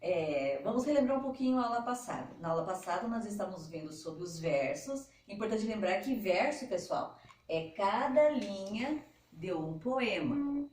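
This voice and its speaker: A woman's voice: medium pitch, animated, moderate pace, darkish tone. Patient woman teacher in an echoey room. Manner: patient, explains step by step. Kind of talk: remote lesson for schoolchildren. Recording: echoey room, mic at a distance.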